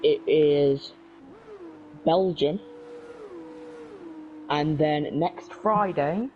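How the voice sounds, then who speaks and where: Higher-voiced man co-commentating a race. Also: very slow, muffled recording, a little hiss or hum. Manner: chatty, repeats words, friendly banter. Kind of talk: casual live race commentary.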